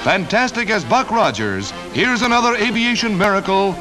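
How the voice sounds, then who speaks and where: A man narrates an old newsreel in the brisk, punchy announcer style of the 1940s. His voice sits high and swoops up and down with showy emphasis, dropping into dry little asides. Loud music plays beneath him the whole way. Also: lively intonation. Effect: old newsreel recording.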